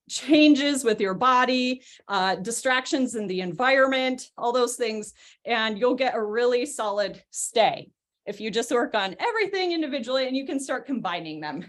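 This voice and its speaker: A young woman with a high voice leads a live online dog training session. She explains each step in a friendly, chatty way and giggles often. Her voice comes through a video call. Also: a bit bright. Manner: chatty, giggly, gives short cues to a dog.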